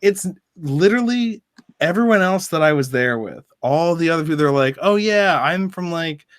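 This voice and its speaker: A man's voice: on the high side, lively intonation, normal speed, dry recording. A young man who laughs often, chatting casually with a streamer on a call. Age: young adult. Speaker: guest. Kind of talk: casual chat.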